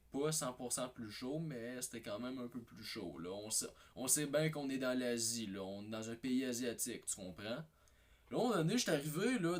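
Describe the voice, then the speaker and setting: A man with a Québécois French accent telling a rambling comic anecdote, hesitant and repetitive, with many fillers and restarts. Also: mid-range voice. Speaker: comedy video maker.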